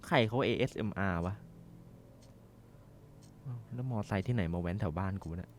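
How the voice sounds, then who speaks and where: A young man commentating a horror game as he plays, swearing and shouting when startled. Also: on the low side, moderate pace, a little hiss or hum. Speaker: gaming streamer.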